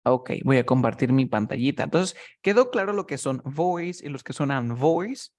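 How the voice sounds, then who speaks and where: A man teaching a one-on-one English lesson on a video call, explaining patiently in Spanish, modeling each sound slowly and checking often that his student follows. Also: mid-range voice, animated, a little mellow.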